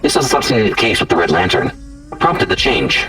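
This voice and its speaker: A man's voice: sits low, big pitch swings, a bit bright, distant mic, faint music behind. A man voicing a stiff, formal male robot investigator in a tabletop game. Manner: formal, measured speech.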